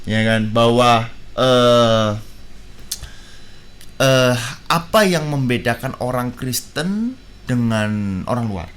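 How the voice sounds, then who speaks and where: A man, a guest on a radio talk show, telling stories in an animated way with many fillers. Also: medium pitch, slow pace, long pauses, clear, resonant tone. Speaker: guest speaker. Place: radio studio.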